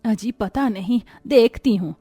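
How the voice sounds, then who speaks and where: A woman voicing a tired, resigned middle-aged mother-in-law in an animated story. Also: fairly high pitch, unhurried, slightly rough, soft background music. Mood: weary.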